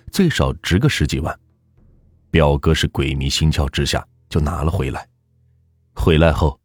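A man narrating a folk ghost story in a measured, steady storytelling manner. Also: a bass voice, husky, no room sound.

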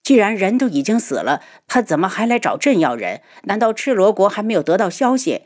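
A woman's voice: mid-range voice, sing-song, brisk, a little mellow. A woman doing an eager young emperor. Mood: earnest. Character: young emperor, man, earnest and curious.

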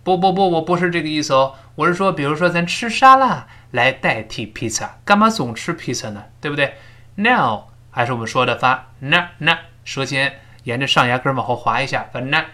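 A man teaching English pronunciation in a recorded lesson, drilling phrases slowly and explaining sounds step by step. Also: medium pitch, sing-song, bright, forceful tone.

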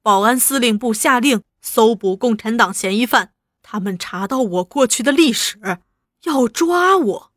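A fawning, nervous man pleads in a lowered, hushed voice, almost whispering his request, as a woman narrator puts him on. The sound is dry and close. Audiobook storytelling of a spy tale. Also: animated, unhurried, dry recording. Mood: anxious pleading. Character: anxious, fawning middle-aged man pleading in secret.

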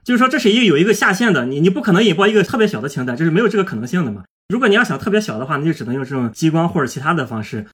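A man explaining physics on a podcast as a guest, lively and step by step, with everyday images. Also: fairly high pitch, rapid-fire, hardly any pauses, husky.

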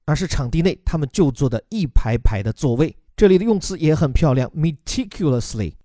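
Man explaining words in a mellow voice. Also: on the high side, animated, fairly quick, no room sound, clean studio sound. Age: young adult. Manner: explanatory, spells out words letter by letter. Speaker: English teacher explaining a news text. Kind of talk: podcast lesson mixing Chinese and English.

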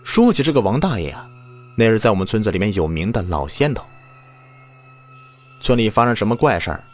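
A man's voice: on the low side, sing-song, fairly quick. A man hosting a ghost story program, narrating a submitted story dramatically. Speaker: storyteller host. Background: faint background music.

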